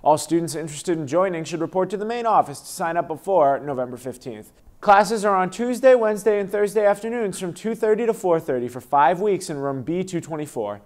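A man's voice: high voice, lively intonation, fairly quick, a little mellow. A young man reading scripted school announcements as the announcer.

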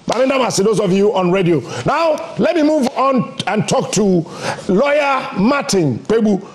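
A man's voice: high-pitched, measured pace. A man with a Ghanaian accent hosting a radio morning show, commenting in Twi mixed with English. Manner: animated, switching between languages.

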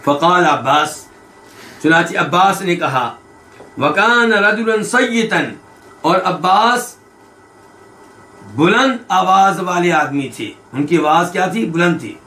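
A high-voiced man gives a hadith lesson, his tone bright and ringing. He keeps asking his listeners quick questions as he explains, and he slows down to recite each quoted line. The recording has a roomy echo. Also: lively intonation. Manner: recites quoted lines slowly, then explains them. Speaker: hadith teacher. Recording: echoey room.

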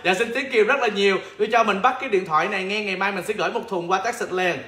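A man hosting a lively sales livestream, playful and laughing often as he teases callers. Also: high voice, racing, roomy sound. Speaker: livestream seller and host. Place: home, in Chicago.

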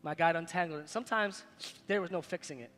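A bright-voiced male pastor in his forties preaches from a church stage, pitching high and loud in one breath and dropping to a hush the next. His voice rings through a large hall with a long tail of reverb, and soft music sits underneath. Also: fast talker. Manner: animated, preaching with big swings in loudness and pitch. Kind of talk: sermon.

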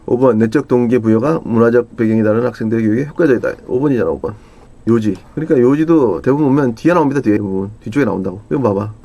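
A Korean man teaching exam English, drilling pronunciation by repeating words for students to copy. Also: darkish tone. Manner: repeats words slowly for students to copy, jumps high on stressed syllables.

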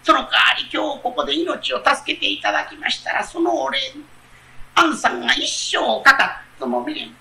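A man's voice: very high-pitched, fairly quick, creaky, pushed and bright, recorded from a distance, voice pushed up, exaggerated voice. A man with a Kansai accent voicing a cunning fox that begs politely for its life, humble and fawning. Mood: pleading.

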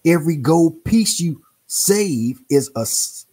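A man reading aloud the lines of a wise older man who lectures on saving money, in a measured, instructive way. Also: a little high, expressive, dark tone, breathy edge, voice pushed up, exaggerated voice.

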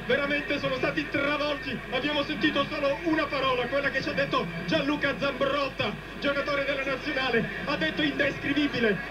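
A male pitch-side radio reporter giving excited, urgent live football coverage from a stadium touchline. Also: brisk. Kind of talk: live sideline reporting and commentary. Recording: noisy outdoor radio link from stadium.

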